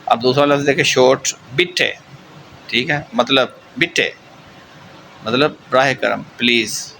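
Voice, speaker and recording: A man gives an online German lesson with a bright, clear tone, drawing out words slowly and pausing often to check that students follow. Faint traffic hums in the background. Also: mid-range voice, fairly even intonation, rough recording. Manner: slow, drawn-out explaining with frequent "theek hai" check-ins. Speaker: German teacher.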